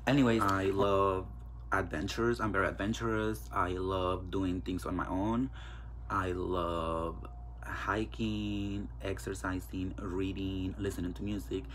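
A man in his twenties with a Mexican accent hosts a casual solo podcast, speaking candidly and bluntly with lots of fillers and swearing. His voice is low-pitched with a fairly bright tone. There's a little hiss or hum.

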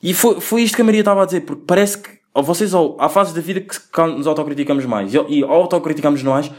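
Fast-talking, slangy young man. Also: on the high side, a little mellow. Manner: slangy, rambling, lots of swearing and filler. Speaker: podcast host. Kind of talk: casual solo podcast monologue.

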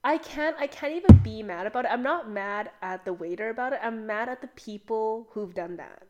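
A woman's voice: a little high, a little fast. A young woman co-hosting a podcast in casual chat, talking animatedly with lots of filler "like". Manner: chatty, heavy use of "like", animated storytelling. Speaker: podcast co-host.

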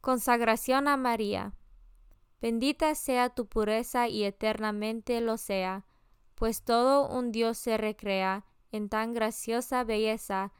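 Slow, solemn woman reading scripture. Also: on the high side, fairly even intonation, smooth, dry recording, studio quality. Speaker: scripture reader.

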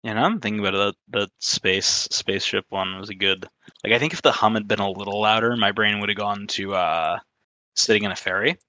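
A man's voice: lowish voice, fairly quick, sharp tone. A man in a casual discussion, explaining his ideas analytically.

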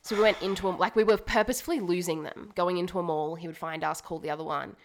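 A young woman co-hosting a podcast, telling a long story in a rambling, animated way full of fillers. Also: lowish voice, quick pace, a little hiss or hum. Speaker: podcast co-host. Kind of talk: casual chat, storytelling. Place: home dining room.

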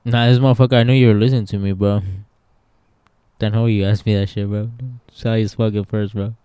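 Frat-bro young man, mellow and low. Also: level tone, a little fast, clear, resonant tone, dry recording, lo-fi sound. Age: young adult. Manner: frat-bro slang, constant "bro" and swearing. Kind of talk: casual chat while gaming.

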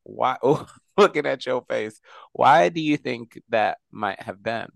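A man co-hosting a podcast, talking in a thoughtful, measured, somewhat halting way. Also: medium pitch, animated, gravelly, fairly bright tone, dry recording. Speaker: podcast co-host. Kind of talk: casual chat.

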